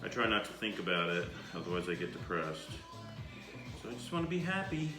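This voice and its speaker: A man's voice: low voice, sing-song, brisk. A man in his fifties from New York, chatting casually at a home dining table and laughing often. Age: 50s. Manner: chatty, laughs often, self-described emotional. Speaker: cooking channel host. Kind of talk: casual chat. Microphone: far camera. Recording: echoey room with music behind.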